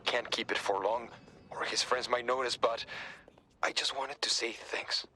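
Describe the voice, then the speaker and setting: An actor playing an earnest, stubborn young male hacker activist in a video game, talking casually and urgently in a husky, breathy voice. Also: mid-range voice, fairly even intonation, a little slow, bright, forceful tone, slight background noise. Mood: grateful, sincere.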